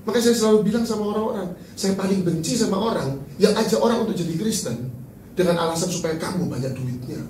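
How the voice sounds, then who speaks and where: A man preaching a sermon as pastor, animated and joking, then dropping to soft, tearful tones. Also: sits high, fast, slight background noise. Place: large church hall. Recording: echoey church hall from far off.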